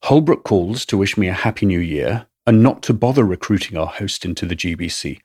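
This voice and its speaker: A middle-aged man giving a measured, wry narration of his diary entries for a podcast. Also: deep voice, expressive, slightly rough, no echo. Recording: dry studio voice-over, soft music.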